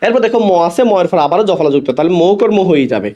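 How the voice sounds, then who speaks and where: A man's voice: fairly high pitch, very animated, very fast, mellow. A young man with a Bangladeshi Bengali accent teaching a class, explaining step by step and often asking his students questions. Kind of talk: classroom lecture.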